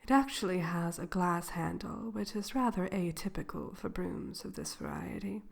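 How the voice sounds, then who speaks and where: A woman playing a sly, genteel wicked witch shopkeeper in a soft, partly whispered ASMR roleplay, speaking with hesitant formality. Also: on the low side, creaky. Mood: hushed, savoring. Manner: slow, hesitant drawl with genteel, formal wording. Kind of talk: ASMR roleplay, soft-spoken to one listener.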